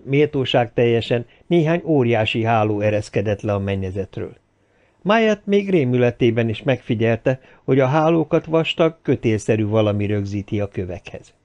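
A man reading an audiobook aloud in a steady, expressive storytelling manner. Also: medium pitch. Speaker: audiobook narrator. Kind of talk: audiobook narration. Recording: slightly dull lo-fi audio.

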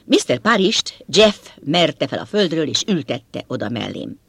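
A man narrating a first-person novel with an expressive, dramatic reading, close to the mic. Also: a little high, creaky, husky, dry recording. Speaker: audiobook narrator.

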